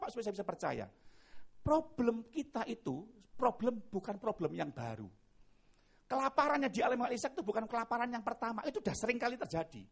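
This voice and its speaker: A male pastor preaching an animated sermon, addressing his congregation directly. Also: high voice, vocal fry, breathy edge.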